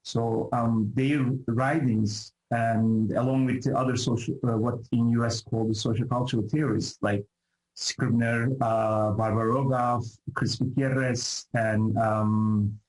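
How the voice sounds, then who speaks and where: A man's voice: medium pitch, flat delivery, a little slow, a little mellow. Middle-aged turkish guy, professor being interviewed, lots of ums and restarts, echoey room. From Turkey. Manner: hesitant, many fillers and restarts, lists of words. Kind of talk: thoughtful academic interview answers.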